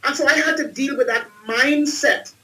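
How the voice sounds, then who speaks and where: Her high voice pushed and bright at a moderate pace, the entrepreneur and speaker from Trinidad and Tobago describes her life with emphasis as a video-call interview guest, repeating phrases for effect. A distant mic leaves the recording rough.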